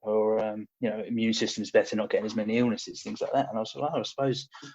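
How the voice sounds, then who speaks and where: Speaking quickly in a steady, lowish, slightly mellow voice, the young man hesitates a lot, using fillers and restarting sentences. He's a personal trainer guesting on a podcast and telling casual stories, captured in dull lo-fi audio.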